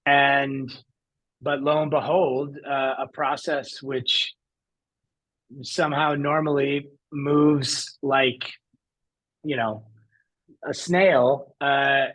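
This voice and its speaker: A man's voice: medium pitch, a bit bright, rough recording. A man as an interview guest, telling his own story in an earnest, reflective way. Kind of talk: conversational interview.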